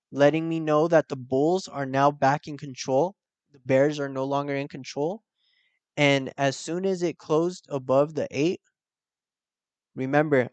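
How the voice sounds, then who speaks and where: A man's voice: fairly high pitch, clear, resonant tone, no room sound. A young man hosting a casual trading tutorial, explaining step by step with slangy asides and check-ins. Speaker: forex trading channel host.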